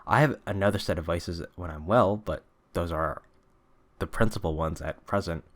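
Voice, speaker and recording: A man's voice: deep voice, normal speed. A man voicing a curious, polite former army doctor in a storybook, plain and mildly formal. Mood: frank.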